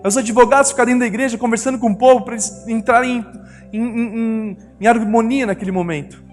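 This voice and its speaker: A middle-aged pastor with a Brazilian Portuguese accent preaches a sermon full of family stories, acting out the voices of his wife and children. His voice is very high and fast, with fairly even intonation. The recording has the long reverb of a church hall, with music in the background.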